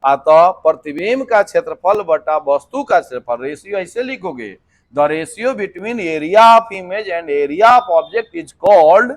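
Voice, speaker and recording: A man teaching a physics lesson for exam preparation, mixing in English terms and answering his own questions. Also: high voice. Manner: lively, mixes English terms, asks and answers himself.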